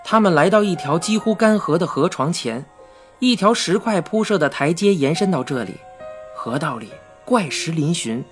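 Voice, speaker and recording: A woman narrating a storybook in a lively, dramatic style. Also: fairly low pitch, normal speed, faint music behind. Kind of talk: expressive audiobook narration.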